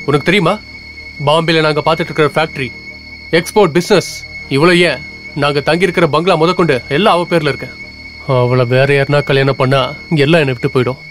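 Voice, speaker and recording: A man's voice: on the high side, fairly bright tone, natural voice, low-quality recording. An actor playing a scheming, greedy young man who mocks and menaces his mute fiancée, in a Tamil film drama. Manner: sly, mocking, menacing.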